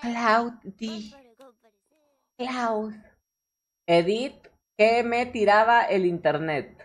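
Slow-talking Mexican woman streamer, low voice. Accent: Mexican Spanish. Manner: excitable, swears a lot, laughs often. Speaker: streamer reacting to fan art. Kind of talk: casual stream commentary.

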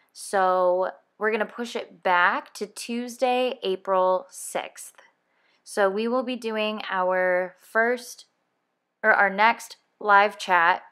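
A podcast co-host, a woman in her early thirties, talks casually and rambles a bit, correcting herself and laughing along the way. Her voice is medium in pitch and a little bright.

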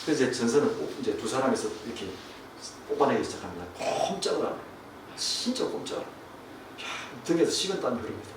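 A man, a pastor, preaching a sermon and telling a story, falling to a hush and then rising again. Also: medium pitch, big pitch swings, rapid-fire. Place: church sanctuary. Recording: distant, echoey room with faint hiss.

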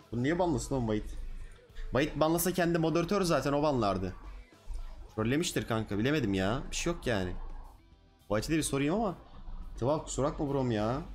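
Young male streamer, mid pitch, blunt and slangy with chat, light music bed. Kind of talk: casual livestream chat.

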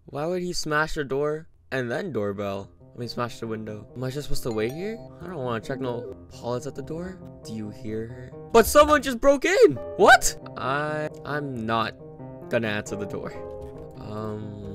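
A young man doing horror game commentary, jumpy and talking to his viewers, with sudden yelps and shouts at scares. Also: medium pitch, lively intonation, normal speed, over music. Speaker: gameplay streamer.

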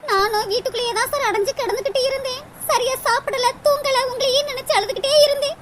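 A woman's voice: very high voice, fast. A woman voicing a young, lovesick village woman in a cartoon, speaking in a pleading, sorrowful way with a southern Tamil Tirunelveli accent. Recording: loud background noise.

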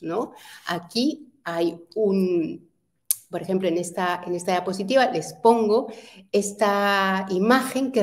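Slow, explaining woman lecturer. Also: medium pitch, a little mellow. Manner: explanatory, many rhetorical questions and "¿no?" tags. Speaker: webinar presenter on early literacy. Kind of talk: educational webinar lecture.

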